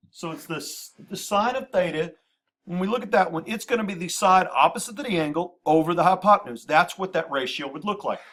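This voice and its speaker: A man with a fairly high, fairly bright voice gives a math lesson at the whiteboard. Patient by nature, he repeats terms and spells out abbreviations, against a light hiss or hum.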